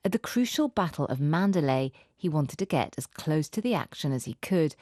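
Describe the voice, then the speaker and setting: A woman's voice: low voice, lively intonation, brisk, darkish tone, no room sound, clean studio sound. A woman reporter reading scripted narration for a news feature. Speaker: radio reporter.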